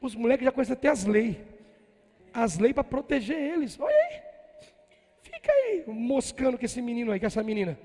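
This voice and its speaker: A man preaching a sermon in a church, a pastor with a Brazilian Portuguese accent who moves from soft, folksy storytelling to shouted exhortation. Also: very high voice, a little fast, long reverb tail. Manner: animated preaching that swings from soft asides to shouting.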